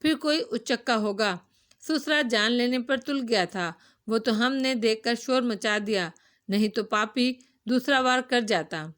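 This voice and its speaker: A woman's voice: fairly high pitch, fairly bright tone, natural voice. A woman reading a novel aloud, voicing a simple, kindly old village man with rustic, folksy speech.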